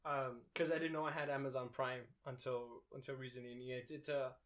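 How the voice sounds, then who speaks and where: A man's voice: medium pitch, flat delivery, fairly quick, a bit bright. A young man from Mexico co-hosting a podcast in a laid-back, casual chat, swearing and laughing easily. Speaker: podcast co-host.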